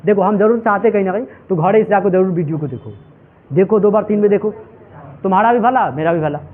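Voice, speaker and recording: Speaking quickly in a high voice, a male teacher gives an English lesson in class. He addresses students as "my children" and quizzes them over and over in call-and-response style; the recording sounds tinny, like a phone.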